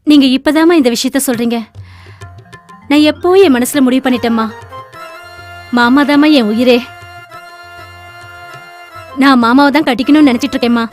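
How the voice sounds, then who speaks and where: A woman's voice: sits high, normal speed, long pauses, faint music behind, lightly acted. An actress playing a spirited young college woman who speaks forthrightly and lectures her friend, in film dialogue. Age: young adult. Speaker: college student.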